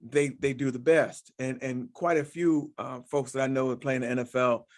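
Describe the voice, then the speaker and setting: A man's voice: medium pitch, fairly even intonation, normal speed. A man hosting an interview, asking questions in a casual way and backing up his guest with frequent "yeah". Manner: affirming, backchannels with frequent "yeah". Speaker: podcast host.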